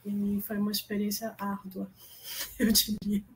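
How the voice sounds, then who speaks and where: A woman moderating an online seminar, talking quickly with some hesitation and inviting the audience to speak. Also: medium pitch, completely flat delivery, slight background noise, rough recording. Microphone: video call.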